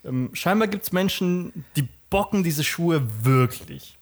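Ein Mann spricht als Texter und Co-Moderator in einem lockeren Podcast, direkt, spöttisch und nachdrücklich. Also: male voice, a little high, animated, slow. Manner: blunt, joking, emphatic. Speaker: podcast co-host, copywriter. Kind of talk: casual podcast chat.

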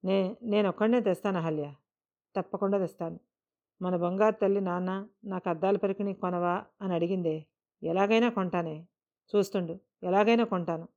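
Storybook poor father, tender and tired, dark mellow tone, read by a woman, dull lo-fi sound. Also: mid-range voice, steady tone, normal speed, long pauses, lightly acted. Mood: determined. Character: poor gentle middle-aged father, loving and weary. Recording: dull lo-fi recording.

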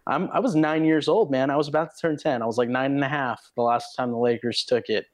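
A man's voice: mid-range voice, steady tone, quick pace. A man in his late teens co-hosting a sports podcast, talking in a laid-back, casual way and often ending lines with "man". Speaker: podcast co-host.

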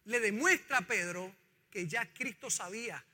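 Male pastor, animated sermon delivery, very high and sharp tone, long hall reverb. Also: moderate pace. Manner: animated preaching, calls on the congregation to repeat lines.

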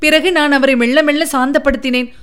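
A woman's voice: high voice, brisk, pitched above the performer's own voice. A woman voicing a loyal, anxious male spy of the king who tells a long account of events. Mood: earnest. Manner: recounting events in a long, steady telling.

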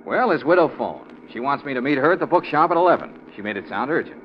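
An actor playing a sharp, wry private troubleshooter in a 1940s radio drama. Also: male voice, mid-range voice, big pitch swings, fast talker, a little hiss or hum, lightly acted. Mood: brisk, intrigued. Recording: dull vintage radio recording.

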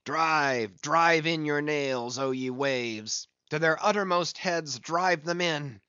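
A man voicing an obsessed sea captain who shouts loudly and defiantly, on dull, dry audio. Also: a little high, takes it slowly, clean tone, no echo. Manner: loud, raving and defiant.

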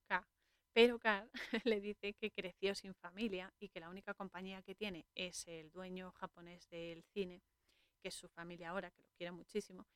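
A woman with a Spain Spanish accent hosts a casual podcast and walks listeners through a film scene by scene. She is chatty and laughs often as she tells it. Her voice sits at an ordinary middle pitch, and the sound is dry and close with no room echo. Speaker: podcast host.

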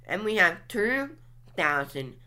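Slow-talking bright-voiced young woman. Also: mid-range voice, big pitch swings. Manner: drawn-out, musing, talks while clicking through apps. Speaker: podcast host reviewing her channel stats. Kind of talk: casual solo commentary.

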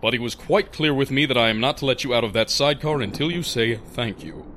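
A man playing a big, stoic outlaw biker in an audio drama, speaking in formal, deliberate phrases with a tender streak underneath. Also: medium pitch, fairly bright tone, lightly acted. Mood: solemn, matter-of-fact. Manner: formal, stilted, deliberate phrasing without contractions.

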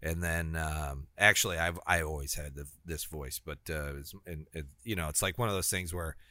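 Guy w a really low scratchy smoker rasp, kinda bright edge, just chatting, dry sound. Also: moderate pace, no room sound. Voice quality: deep, scratchy, raspy smoker's voice. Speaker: podcast co-host, maker. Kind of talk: casual chat.

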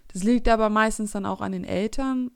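A woman's voice: mid-range voice, a little fast, creaky, clear, resonant tone, no echo, clean studio sound. A woman in her twenties talking reflectively in a casual personal monologue, often searching for her words. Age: 20s.

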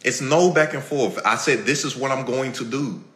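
A man's voice: mid-range voice, normal speed, pushed and bright. A man hosts a motivational podcast, talking in a medium register. He preaches his points emphatically, repeats himself and acts out little everyday exchanges. The room gives his voice a noticeable echo. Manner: preachy, repetitive, emphatic, acting out everyday dialogue. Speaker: podcast host. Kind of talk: motivational talk to a live audience.

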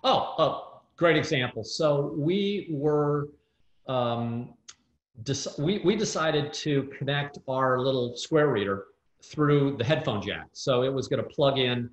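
Excitable man in a roomy echo. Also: mid-range voice, takes it slowly. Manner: excitable, lots of fillers and restarts. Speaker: guest, startup hardware builder. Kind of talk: animated storytelling in an interview.

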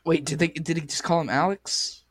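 A man hosting a podcast, chatting casually with crude, excitable banter while straining a sore voice. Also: on the high side, normal speed, no echo. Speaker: podcast host. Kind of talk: casual chat.

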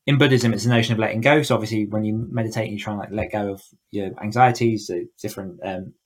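This podcast guest, a horror writer who also coaches, speaks fast in a lowish, steady-toned voice, sounding relaxed yet effusive and full of enthusiasm.

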